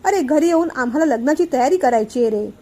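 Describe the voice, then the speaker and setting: A woman's voice: high voice, expressive, fast, warm tone. A woman voicing a stubborn elderly mother who jokes away her illness, in a family storybook reading. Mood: stubborn, teasing. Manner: teasing, firm.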